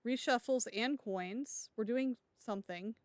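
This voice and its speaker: A woman with a fairly high-pitched voice streams a live game at an unhurried pace. As a let's play streamer, she thinks aloud and talks through her choices in a chatty, wry commentary.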